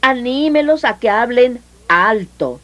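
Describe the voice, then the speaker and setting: A woman preacher teaching an audience about speaking in tongues, lively and full of questions to the listeners. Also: on the high side, slow. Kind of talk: teaching at a healing seminar.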